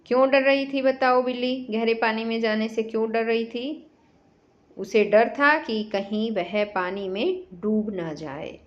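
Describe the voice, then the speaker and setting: A woman's voice: fairly high pitch, a little slow, dull audio. A woman teacher going through a workbook lesson for children, patiently breaking words into sounds and repeating them.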